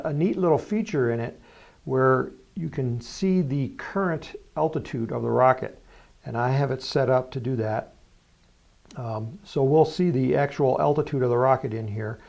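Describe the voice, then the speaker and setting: A man's voice: mid-range voice, moderate pace, vocal fry, darkish tone. A man presenting a hands-on hobby tutorial in a casual, plain-spoken, explanatory way. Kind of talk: casual hands-on demonstration narration.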